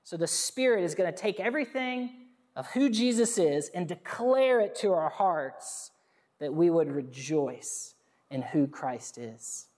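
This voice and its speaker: A woman's voice: on the low side, lively intonation, a little slow. A woman preaching a sermon, earnest, telling stories and calling on the congregation to answer. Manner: earnest, warm storytelling with congregation call-and-response. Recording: long reverb of a hall.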